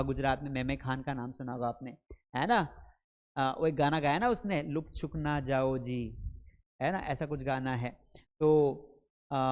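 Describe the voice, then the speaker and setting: A man's voice: sits high, darkish tone. A man teaching English pronunciation in a spoken lesson, asking viewers questions and answering himself, drilling each word, calling them friends and kids. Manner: quizzing, asks viewers then answers himself.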